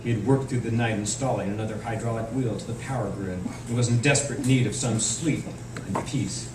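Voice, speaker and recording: In a lowish, brisk voice, an author reads aloud from his novel's narrative prose at a live indoor event. The noisy, echoey room and distant microphone color the recording.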